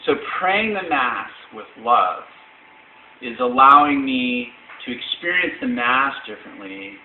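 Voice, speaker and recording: A man's voice: mid-range voice, sing-song, measured pace. A man giving an earnest, reflective personal faith testimony in a storytelling manner. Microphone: phone. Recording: tinny phone-like audio, roomy, faint hiss.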